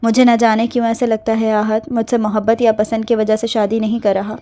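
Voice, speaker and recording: A caring young woman comforts and pleads in earnest, as a woman reading a novel puts her on. Her voice is high and mellow. She is the steady heroine of an audio romance. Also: lightly acted. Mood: prayerful. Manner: soothing, earnest. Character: caring young woman, elder-sister type.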